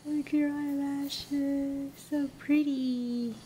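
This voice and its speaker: High cooing mom in a noisy home video. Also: female voice, little pitch movement, very slow, warm tone. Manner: sing-song, cooing, laughing often. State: voice recovering from loss. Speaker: mother filming her baby. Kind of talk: baby talk to an infant. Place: indoors at home. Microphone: handheld camera close up.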